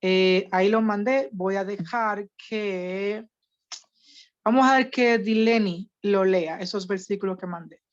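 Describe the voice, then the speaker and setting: A woman teaching a Bible study in a casual, animated way, often checking that her listeners understand. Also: medium pitch, a little slow, lo-fi sound.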